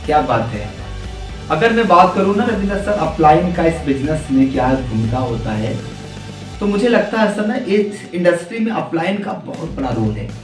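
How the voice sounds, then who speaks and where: A man's voice: fairly high pitch, big pitch swings, moderate pace, far from the mic. A man answering interview questions on direct selling in a preachy, motivational way, full of rhetorical questions and stories. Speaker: direct selling leader, guest. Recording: echoey room, voice from afar, faint music.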